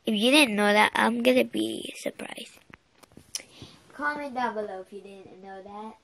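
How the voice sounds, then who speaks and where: A woman commenting on her own game as she plays, chatty and excitable, gasping and exclaiming at what she finds. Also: medium pitch, measured pace, creaky. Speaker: gaming channel host. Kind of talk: let's-play game commentary.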